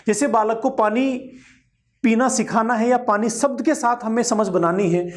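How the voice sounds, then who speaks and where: A man's voice: high-pitched, a little mellow. A male teacher giving an exam-prep lecture, explaining each point and repeating it with everyday examples.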